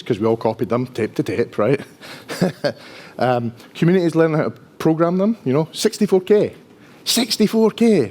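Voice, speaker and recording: This man's voice is mid-range with a darkish tone. An IT engineer from Dundee, Scotland, in his fifties, he speaks with a strong Dundonian accent while delivering a chatty, self-deprecating conference talk, frequently tagging lines with "right?".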